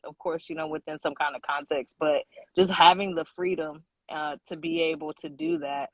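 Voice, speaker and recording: A man's voice: on the high side, no echo. A man co-hosting a casual online show, speaking in an upbeat, easygoing way over a video call. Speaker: co-host.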